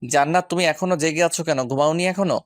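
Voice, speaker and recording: A man's voice: a little high, fast talker, dry recording, lightly acted. A man playing an arrogant, cruel young husband who speaks harshly and with contempt in a Bengali audio drama. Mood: startled.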